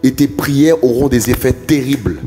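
A man's voice: medium pitch, moderate pace. A man preaching in a fervent prophetic worship style, repeating phrases over and over like a chant. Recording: long hall reverb with soft music. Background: soft worship music.

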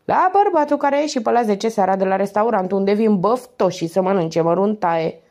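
A woman reading aloud and voicing a hoarse, tipsy market woman who speaks bluntly and emphatically. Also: medium pitch, lively intonation, darkish tone, voice pushed up, natural voice.

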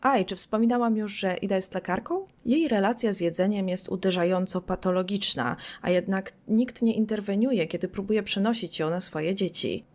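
A woman's voice: mid-range voice, normal speed, few pauses, darkish tone. A woman narrating a scripted video essay, reading book passages aloud with dry, sarcastic commentary.

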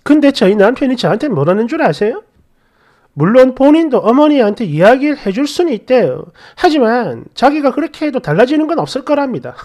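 A woman's voice: high-pitched, sing-song, brisk, darkish tone. A middle-aged woman narrating a first-person family story, indignant and confiding, addressing the listener directly.

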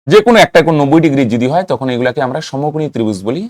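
A man's voice: mid-range voice, lively intonation, racing, a little mellow, no echo, clean studio sound. A man teaching a math lesson, asking students questions, answering them himself and chanting terms to help memory. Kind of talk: classroom-style lesson to students.

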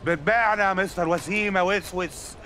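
A man's voice: high-pitched, quick pace, slight background noise. An actor with an Egyptian accent playing a bleeding, dazed man in a TV comedy series who groans and whines. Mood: whiny dazed. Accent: Egyptian Arabic. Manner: groaning, whiny, yelling. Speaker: Gamil, injured teammate.

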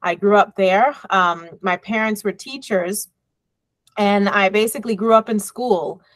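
Speaking from an office with bookshelves and a window, this Bahamian engineering professor and department chair, middle-aged, delivers a reflective conference talk through a laptop webcam video call. Her mid-range voice has a fairly bright tone on a dry recording, and her measured delivery is full of ums and you knows.

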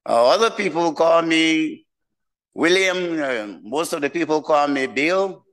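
Slow-paced older man giving a keynote. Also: on the high side, expressive, fairly bright tone. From outside the United States. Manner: slow, storytelling with pauses. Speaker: keynote speaker. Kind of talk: anecdotal keynote speech. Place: lecture hall at a podium.

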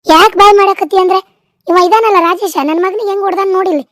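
A woman doing a furious shrill village mother. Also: fast, no echo, clean studio sound. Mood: angry. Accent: North Karnataka Kannada. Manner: shouting, accusing. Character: furious loud village mother defending her son. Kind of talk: cartoon dub acting.

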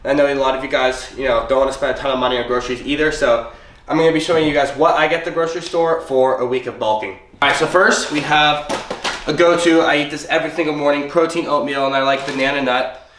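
A man's voice: medium pitch, fast talker, a bit bright. A young man with a congested, stuffy voice, chatting through a grocery haul in a casual vlog. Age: young adult. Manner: chatty, upbeat, explains item by item. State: congested, sick. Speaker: vlogger. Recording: roomy, distant, noisy home recording.

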